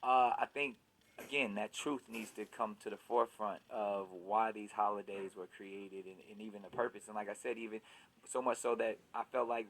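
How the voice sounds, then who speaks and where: A man hosting a casual podcast conversation, thinking aloud in a reflective, halting way with repeated words. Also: on the low side, steady tone, low-quality recording. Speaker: host.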